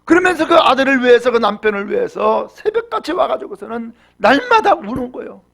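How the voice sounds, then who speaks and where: A male pastor preaching a Sunday sermon in church, moving between hushed storytelling and raised, fervent exhortation, with rhetorical questions to the congregation. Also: extremely high pitch, sing-song, a little fast, vocal fry. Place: church during Sunday service.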